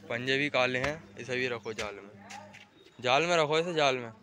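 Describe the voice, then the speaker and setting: A crowd murmurs in the background as a young adult man, speaking at normal speed in a medium-pitched voice, narrates a casual rooftop vlog. Chatty throughout, he shows off pigeons, directs his friends and calls out to viewers on a handheld phone camera.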